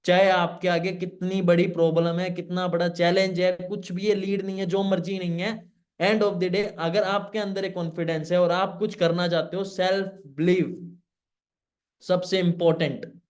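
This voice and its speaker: A man from Pakistan who mentors young people, telling a fable in an energetic motivational session. He quizzes his listeners and mixes English into his speech. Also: sits high, normal speed. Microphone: online session.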